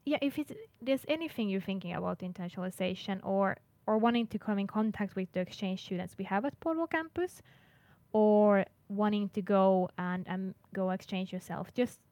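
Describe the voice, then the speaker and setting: Answering interview questions, this Finnish international services coordinator speaks at a mid-range pitch and moderate pace with a dark tone. She comes across as earnest, often restarting words and laughing lightly now and then, captured in a dry, close recording.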